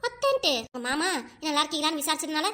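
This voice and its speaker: A high, bright, very fast-talking old grandmother in a cartoon, voiced by a woman, crying as she heaps reproaches on her husband. She speaks a southern Tamil Nadu dialect, and her voice stays sharp and quick throughout. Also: very animated, full character voice. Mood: tearful scolding. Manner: rapid, reproachful scolding. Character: upset old grandmother, wife over sixty. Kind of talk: cartoon voice acting.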